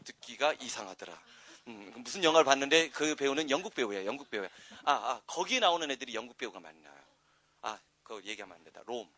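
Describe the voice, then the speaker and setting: A man teaching an English grammar class, chatty and wandering into asides, then loud and emphatic when he explains the rules. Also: medium pitch. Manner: rambling, chatty asides with frequent "응?" checks. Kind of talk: classroom lecture.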